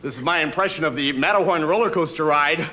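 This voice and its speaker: A man's voice: fast talker, sharp tone, slight background noise, low-quality recording. A man doing a goofy, self-mocking stand-up set on a TV studio stage. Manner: goofy, self-mocking, jumps into silly high voices. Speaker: stand-up comedian. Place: TV studio stage before a live audience. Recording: music and crowd laughter behind.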